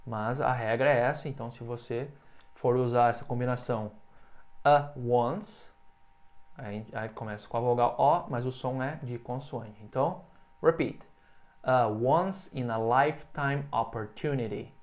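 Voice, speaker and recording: A man with a middle-pitched voice teaches an English lesson, talking through a grammar rule in a relaxed, conversational way. He drops in quick check-ins with the learner and then slows down to say each example word carefully for them to repeat. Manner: explains in Portuguese, then says English words slowly for the learner to repeat; checks in often with quick casual asides. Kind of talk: recorded online language lesson.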